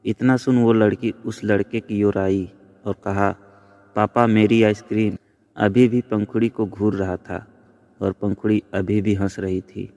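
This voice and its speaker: A man narrating a scripted story in a measured, plain storytelling manner. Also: fairly low pitch, little pitch movement, dark tone. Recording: long reverb.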